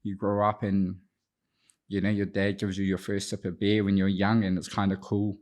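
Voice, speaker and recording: Here a New Zealand-accented man in his thirties, who grew up speaking Te Reo Māori, recounts his life story on a podcast. He is an addiction counsellor from Auckland, and his voice is lowish and darkish, level in tone and moderate in pace, with a reflective, slightly hesitant manner.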